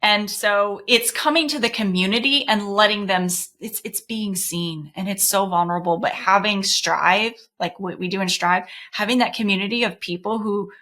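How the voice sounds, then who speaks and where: A woman guest coach on a podcast who talks in an animated, playful way, full of casual asides. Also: medium pitch, moderate pace, hardly any pauses.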